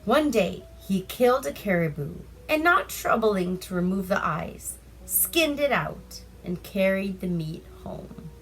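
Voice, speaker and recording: With music playing behind her, an Alaskan woman from the Seward Peninsula tells folk tales in a read-aloud bedtime style, irreverent and chatty, pausing to add comments. She speaks at a measured pace in a medium pitch with lively intonation, over slight background noise on a rough recording.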